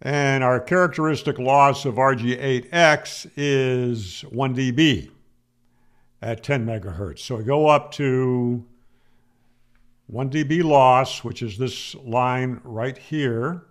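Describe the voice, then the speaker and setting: An older man in his 60s or 70s, an amateur radio instructor hosting a tutorial, explains things plainly and emphatically, answering his own questions. His voice is medium-pitched and slow. He's indoors in a home room, close to a studio microphone on a boom arm.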